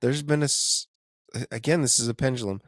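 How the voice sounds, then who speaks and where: A man's voice: medium pitch, brisk, dry recording, studio quality. A man co-hosting a casual faith podcast, talking in a thoughtful, hedging way and laughing often. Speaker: podcast co-host.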